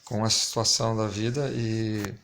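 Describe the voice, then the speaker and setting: Man, heavy vocal fry, hesitant casual reflection, slightly lisped speech from wearing a retainer. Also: on the low side, little pitch movement, a bit bright, a little hiss or hum. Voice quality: slightly lisped, stumbling articulation from a dental retainer. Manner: hesitant, reflective, pausing often. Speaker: amateur video maker. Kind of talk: casual talking to camera, unscripted reflection.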